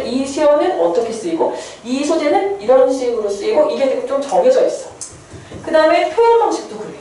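A woman teacher talks her class through a lesson, tossing questions to the students and answering them herself. Her voice is a little high and swings up and down. The recording is very echoey and distant, with a faint hum of room noise underneath. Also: mellow. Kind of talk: classroom lecture.

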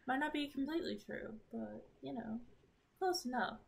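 A woman's voice: high-pitched, vocal fry, husky. A woman streamer chatting casually with friends while gaming, playful and teasing. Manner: playful, teasing, laughs often. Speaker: streamer playing a shooter game. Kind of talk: casual gameplay chat with friends.

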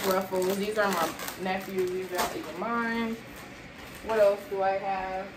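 Filmed from across the room, a young woman with a mid-range voice casually talks to viewers, calling them y'all, while unpacking groceries in her small apartment kitchen for a haul vlog. She sounds a bit tired and is sweaty as she moves around. The kitchen is echoey, with background noise.

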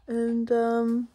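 A woman's voice: a little high, dark tone, slight background noise. A woman vlogging at home in casual, rambling chat with lots of fillers, recorded on a handheld camera. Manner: chatty and rambling, with many fillers. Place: indoors at home.

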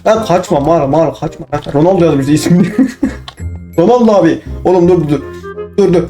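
A young man commenting on his own gameplay, excitable, talking to himself and bursting into shouts. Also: a little high, moderate pace, soft background music. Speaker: gaming channel host.

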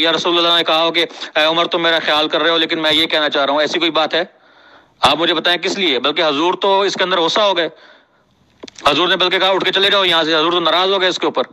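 Guy arguing his point over and over, very bright voice, kinda high. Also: rough recording. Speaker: debater. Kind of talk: recorded religious debate message.

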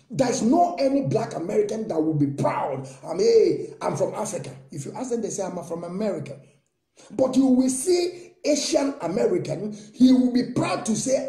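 Indoors in a small room, a Nigerian-accented political commentator in his thirties delivers a fervent monologue to camera, full of rhetorical questions and repetitions. His voice sits high with vocal fry, mellow and roomy.

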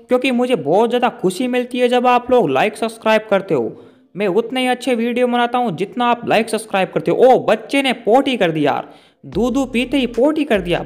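A man giving playful, excitable gameplay commentary, joking with the game character and his viewers. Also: sits high. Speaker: gaming YouTuber.

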